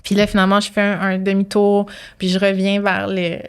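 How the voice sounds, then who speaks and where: A woman's voice: medium pitch, completely flat delivery, fairly quick, clear, resonant tone. A woman in her thirties with a Québécois French accent, a surgeon who tells chatty stories in an interview and laughs often. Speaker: colorectal surgeon guest. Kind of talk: casual interview storytelling.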